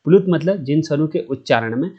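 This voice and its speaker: A man's voice: on the high side, lively intonation, fast talker, lo-fi sound. A man teaching Sanskrit grammar online. He explains step by step, asks himself questions and answers them, and stretches vowel sounds to show their length.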